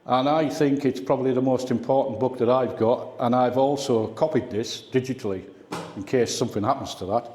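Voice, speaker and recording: The older man giving a radio club an informal slide talk of reminiscences speaks fairly quickly, with a medium-pitched, darkish voice and fairly even intonation. He explains conversationally, and the indoor meeting room leaves the audio echoey and reverberant.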